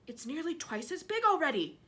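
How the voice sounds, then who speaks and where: A woman's voice: on the low side, lively intonation, normal speed, bright, forceful tone. A woman voicing a mean, sly, bossy aunt who snaps and shrieks at those around her. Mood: shrieking alarm. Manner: snapping, shrieking, scolding.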